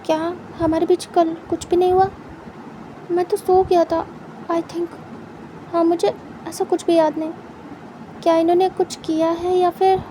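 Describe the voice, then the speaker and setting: A woman's voice: very high-pitched, level tone, unhurried, pauses often, mellow, slight background noise. A woman voicing a young man in a spoken story, an anxious lover who pleads and stammers. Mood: worried.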